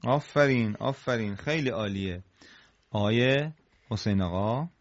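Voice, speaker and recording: A man teaching Quran recitation to a class, patiently encouraging his students and chanting example phrases slowly. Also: lowish voice, dull audio.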